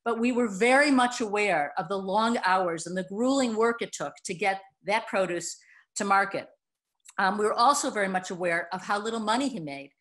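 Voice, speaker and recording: Her voice is medium in pitch and slightly bright as she presents from home via laptop video call, a wood-paneled room behind her. The speaker, an older cookbook co-author, talks earnestly and fills her speech with lots of fillers.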